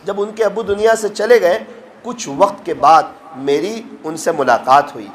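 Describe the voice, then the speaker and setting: Emotional male preacher, higher voice. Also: slight background noise. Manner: emotional, acts out quoted voices with rising pitch. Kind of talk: sermon with storytelling.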